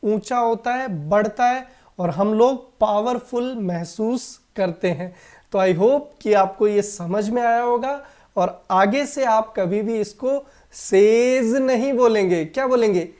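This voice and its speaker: A male teacher talks through a video lesson at an unhurried pace. His voice is mellow and soft-edged. He keeps asking the viewers questions, answers them himself and slowly repeats words to drill them. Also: sits high. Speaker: English teacher. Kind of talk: classroom-style video lesson.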